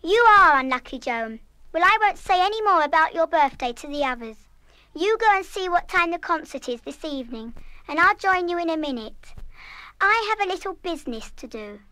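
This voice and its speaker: Eager headstrong little schoolgirl in a 70s radio play, high bright voice, very emphatic. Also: lively intonation, normal speed, full character voice. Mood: cheerful, coaxing. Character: headstrong, impulsive, good-hearted schoolgirl of about eleven. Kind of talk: 1970s full-cast children's radio play acting.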